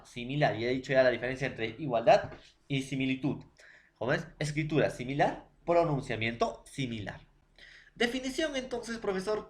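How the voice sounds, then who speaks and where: Man teaching a class. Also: fairly high pitch. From Peru. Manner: repetitive, asks and answers his own questions; addresses students as "jóvenes". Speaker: secondary school teacher. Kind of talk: recorded classroom lesson.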